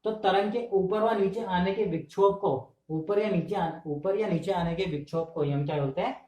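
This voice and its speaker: A man's voice: sits high, normal speed, dark tone. A man teaching an exam-prep class, asking questions and answering them himself while he repeats key terms, recorded on a camera mic in a room. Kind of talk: classroom lecture. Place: indoor room filmed on camera. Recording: echoey room.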